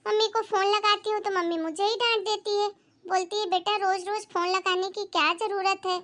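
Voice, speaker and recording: Woman doing a feisty rich young daughter-in-law, high bright cartoon voice. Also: steady tone, moderate pace. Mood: polite. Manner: assertive, defiant.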